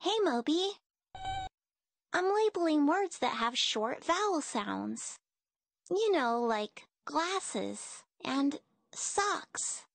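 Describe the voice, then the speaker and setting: A woman's voice: high voice, big pitch swings, drawn-out words, gravelly, dry recording, exaggerated voice. A woman voicing a friendly girl presenter in an educational cartoon, explaining things simply to children in scripted narration. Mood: cheerful greeting.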